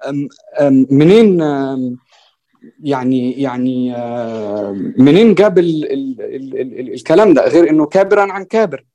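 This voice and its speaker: On a panel, a guest musician with an Egyptian Arabic accent speaks at normal speed in a warm, medium-pitched voice with lively intonation. He's earnest and exhorting in the conversational discussion, with many restarts and fillers, often checking in with "right?", and there's no room sound.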